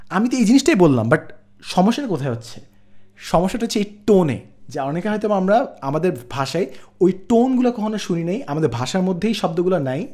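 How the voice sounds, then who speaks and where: A man's voice: sits high, a little mellow. A man talks casually to viewers, mixing English words into his Bangla and repeating words aloud to show how they sound. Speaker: vlogger. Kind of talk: casual explainer vlog.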